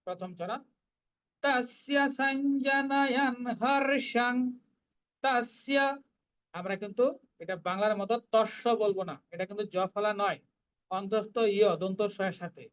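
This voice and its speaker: A recitation teacher, explaining pronunciation syllable by syllable and chanting the verses in slow, drawn-out tones. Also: mid-range voice, steady tone, lo-fi sound. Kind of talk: online class teaching Sanskrit verse pronunciation.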